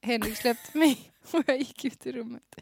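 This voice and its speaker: A woman's voice: sits high, vocal fry, a little mellow, slightly rough, dry recording. A young adult woman hosting a podcast, reading aloud a story she wrote as a teenager and stifling giggles as she goes. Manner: reads with suppressed giggles. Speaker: podcast host. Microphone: studio microphone with headphones.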